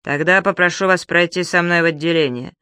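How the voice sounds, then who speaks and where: A woman voicing a burly, stern policeman in an audiobook, giving slow, commanding orders. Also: fairly low pitch, fairly even intonation, sharp tone, clean tone, no room sound.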